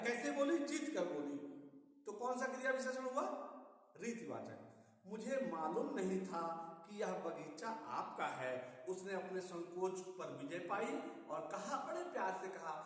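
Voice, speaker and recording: A male teacher reading a story aloud to his class and explaining its grammar, putting questions to the students and then answering them himself. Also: sits high. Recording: echoey classroom recorded from far off.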